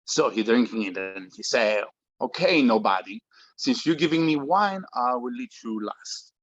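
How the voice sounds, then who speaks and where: A man's voice: mid-range voice, lively intonation, normal speed, a bit bright, no echo. Heavy Greek accent, broken English, fond bedtime-story dad, read by a man on dull, dry call audio. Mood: storytelling. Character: Greek immigrant father telling a bedtime story. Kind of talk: table read of a script.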